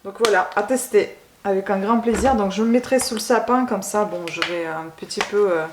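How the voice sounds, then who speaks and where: A woman unboxing beauty products at home in a casual vlog, gushing over each item and pausing often with filler sounds. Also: mid-range voice, echoey room, a little hiss or hum. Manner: gushing, keeps saying she loves it; hesitant, many filler sounds. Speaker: beauty vlogger.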